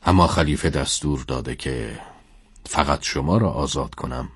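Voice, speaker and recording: An actor playing a deferential, uneasy prison warden in an audio storybook, with formal, respectful speech and a very deep, husky voice. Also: male voice, dry recording, studio quality, full character voice.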